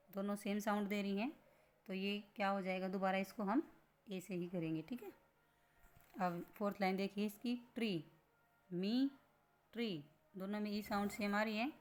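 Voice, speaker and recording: A woman teaching a lesson. She explains slowly and patiently, repeating points and asking rhetorical questions. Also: mid-range voice.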